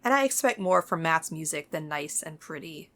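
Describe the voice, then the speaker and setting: A woman's voice: low voice, expressive, normal speed, fairly bright tone. A woman co-hosting a podcast with a dry, blunt way of talking. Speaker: podcast co-host. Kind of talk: casual chat.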